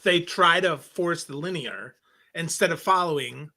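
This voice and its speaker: A man's voice: on the high side, measured pace, bright, forceful tone. A man hosting a podcast interview, summing up his guest's points and asking follow-up questions. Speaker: podcast host. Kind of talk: interview host.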